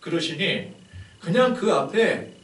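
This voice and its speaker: Animated male pastor preaching. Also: a little high, takes it slowly. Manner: animated and conversational, with many fillers. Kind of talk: sermon. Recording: roomy church hall, distant mic.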